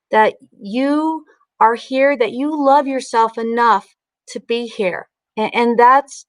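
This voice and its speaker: A woman teaching mindfulness and guided breathing in an informal, instructional way, leaving pauses between her phrases. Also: a little high, dry recording. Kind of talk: guided breathing meditation and informal spiritual talk.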